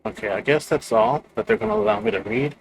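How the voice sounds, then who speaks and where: Guy doing a let's play, lowish voice, reads the notes out loud, trips over words now and then, mutters to himself in between. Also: quick pace, a little hiss or hum, poor audio. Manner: reads aloud with small slips and restarts, then chats to himself. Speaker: gaming channel host. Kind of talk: let's play commentary, reading in-game notes aloud.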